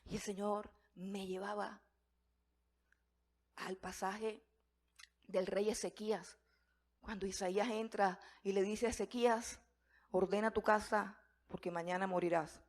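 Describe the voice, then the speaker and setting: A woman preaching a sermon to a church, telling scripture stories dramatically, dropping to a hush and rising to loud emphasis. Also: mid-range voice, steady tone, unhurried, pauses often. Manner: dramatic storytelling, swings between hushed and loud. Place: church hall.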